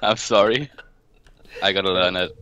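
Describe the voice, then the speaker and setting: Man on a muffled voice call, very low and bright, casual talker. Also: steady tone, normal speed, clean tone. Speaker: mapper on a voice call. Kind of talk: casual chat.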